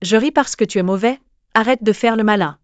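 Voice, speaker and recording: An actress dubbing a feisty, sharp-tongued young waitress in a drama series, blunt and teasing. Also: female voice, medium pitch, brisk, no room sound, close to an everyday voice. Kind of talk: French dub of a drama series.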